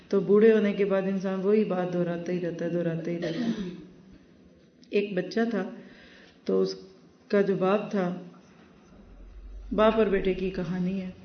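A woman's voice: medium pitch, fairly even intonation. Woman teaching a Quran lesson, distant and roomy. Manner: recites Arabic verses, then explains them in a measured teaching tone. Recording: roomy, distant, dull lo-fi recording.

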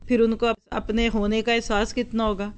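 A woman's voice: fairly high pitch, flat delivery, clear, resonant tone. A woman giving an earnest religious lecture on parenting, full of rhetorical questions and repeated parallel phrases. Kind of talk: Islamic lecture to an audience.

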